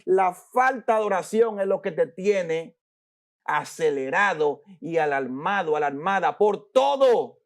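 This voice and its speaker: A man preaching a sermon, repeating phrases with emphasis and dropping to a soft hush to calm his listeners. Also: takes it slowly. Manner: acts out worried people's complaints, then soothes in a low hush.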